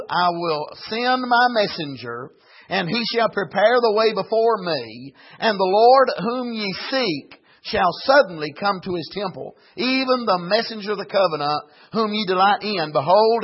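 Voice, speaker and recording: A man's voice: high voice, slightly rough, highs cut off. A man preaching a sermon in an old-time cadence, dropping frequent amens. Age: 40s. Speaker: pastor.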